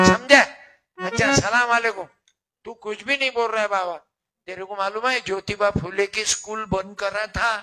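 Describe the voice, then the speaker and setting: High-voiced older preacher over loud accordion. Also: male voice. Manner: chatty, teasing, calls on audience members. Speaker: kirtan preacher. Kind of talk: devotional folk sermon with audience. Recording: loud accordion music behind.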